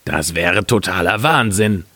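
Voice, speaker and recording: A man reading a fairy tale aloud, voicing a gruff, gullible miller in a lower, slower voice. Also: expressive, pushed and bright, no echo, full character voice.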